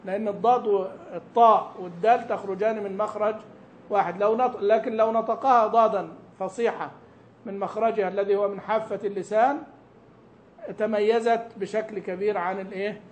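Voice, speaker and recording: A male Quran recitation teacher explaining a tajweed text to his students. He asks the class questions and answers them himself, and slows down to model words carefully, syllable by syllable. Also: sits high, steady tone, dull audio, slight background noise. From Saudi Arabia. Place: mosque lesson hall.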